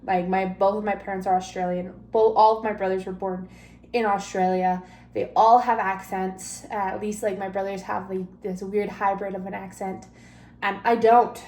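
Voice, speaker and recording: A woman's voice: mid-range voice, flat delivery, moderate pace, darkish tone. Chatty giggly young woman vlogging at home. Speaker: vlogger and mother. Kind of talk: casual vlog chat to camera. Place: at home, indoors, in the kitchen.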